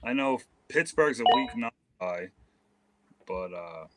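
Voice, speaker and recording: A man's voice: medium pitch, animated, slow pace, over loud music. A man taking part in a live fantasy football draft, laid-back and brief. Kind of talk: casual live draft chat.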